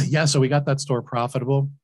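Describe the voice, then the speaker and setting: A man speaks fairly quickly in a mid-range voice with little pitch movement and no echo. He's a business owner in his forties, a laundromat entrepreneur who is the guest on a video call interview, telling his story earnestly and emphatically and repeating words when moved. He's in a room at home, indoors, with a large desk mic and headphones.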